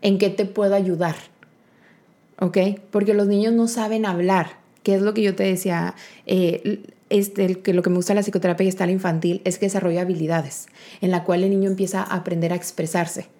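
A woman speaks as a guest child psychotherapist. Her voice is mellow and warm, at a middling pitch. She explains things calmly, with plenty of examples. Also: fairly quick. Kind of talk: explanatory interview talk.

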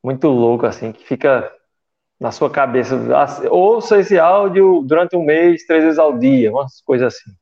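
A man's voice: fairly high pitch, animated, moderate pace, a little mellow. A man hosting a casual chat, playful and joking with his guests. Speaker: host. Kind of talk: casual conversation. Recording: slightly dull lo-fi sound.

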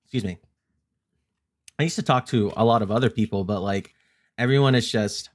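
A man's voice: fairly low pitch, brisk. A young man hosting a casual podcast, teasing his friend and laughing often. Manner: teasing, exasperated, laughs a lot. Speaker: podcast host. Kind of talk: casual chat.

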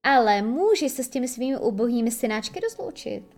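A woman's voice: a little high, big pitch swings, darkish tone. Woman doing a cruel, bellowing pirate captain. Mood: cold, mocking. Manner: slow, drawn-out, with sudden bellows. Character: menacing male pirate captain, cruel and theatrical.

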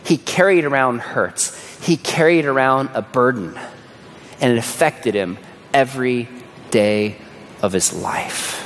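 A man preaching a sermon as a dramatic storyteller, who drops to a hush on key words. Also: mid-range voice, a little slow, a little hiss or hum. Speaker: pastor. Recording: echoey hall.

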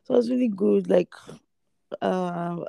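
Croaky woman, morning voice. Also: medium pitch, a little slow, dark tone, dry recording, studio quality. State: croaky, just woken. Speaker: podcast co-host. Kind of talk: casual chat.

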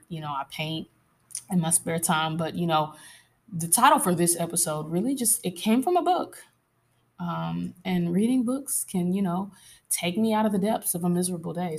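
A woman with a sultry voice hosting a casual, candid solo podcast, conversational and expressive, drawing out words for emphasis. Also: lowish voice, vocal fry. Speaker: podcast host.

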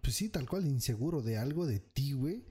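A man with a Mexican accent chats on a podcast in a dark, husky voice. His pitch swings widely as he acts out quoted lines. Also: animated, brisk. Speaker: podcast co-host. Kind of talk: casual podcast banter.

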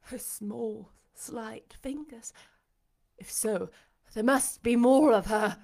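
A woman voicing a desperate, passionate blind gentleman in an audiobook, with a dramatic, demanding delivery. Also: mid-range voice, slow pace, gravelly. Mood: amazed, overcome. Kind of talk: audiobook character acting.

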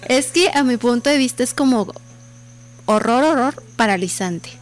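A woman's voice: fairly high pitch, animated, normal speed. Woman chatting on a podcast. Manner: chatty, asks questions, reacts with quips. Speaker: podcast co-host. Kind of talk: casual chat.

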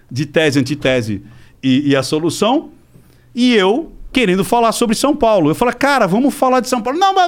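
A middle-aged man with a Brazilian accent, a podcast guest telling a story in a casual, animated way, acting out the people he quotes and swearing freely. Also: high voice. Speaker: podcast guest, body-language specialist.

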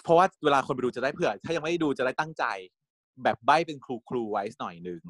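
A man chatting casually as co-host of a series review, lively and quick to laugh, sometimes turning to address the viewers. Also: medium pitch, no room sound, studio quality. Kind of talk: casual chat.

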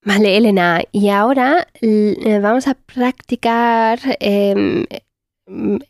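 A woman's voice: medium pitch, slow, dry recording, studio quality. Patient woman teaching German. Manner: patient, encouraging, corrects pronunciation. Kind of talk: one-on-one language lesson.

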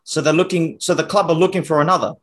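A man's voice: a little high, fairly even intonation, quick pace. A man discussing football in a casual panel chat, often restarting and repeating words.

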